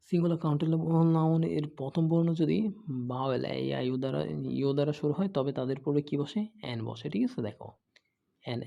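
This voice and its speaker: A man's voice: medium pitch, creaky, lo-fi sound. A man teaching English grammar who explains patiently, asks questions and answers them himself, and often checks "okay?". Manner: patient, repeats examples, frequent "okay?" checks. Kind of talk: explaining lesson, asking and answering own questions.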